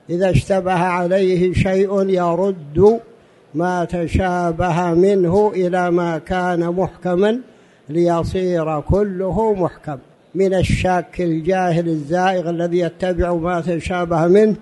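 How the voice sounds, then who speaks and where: A man giving a religious lesson in formal standard Arabic as a teacher, in a deliberate, didactic manner with repetition and rhetorical questions. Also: sits high, mellow. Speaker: religious teacher addressing a study gathering.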